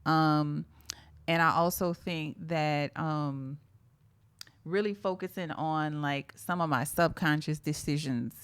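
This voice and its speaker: A woman co-hosting a podcast in casual chat, reflective and candid, often pausing with "um" and "like". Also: low voice, clean tone, dry recording. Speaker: podcast co-host.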